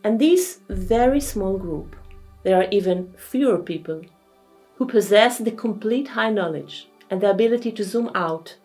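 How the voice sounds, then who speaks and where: A woman's voice: medium pitch, lively intonation, moderate pace, darkish tone. Woman lecturing over music. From Israel. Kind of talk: scripted lecture narration.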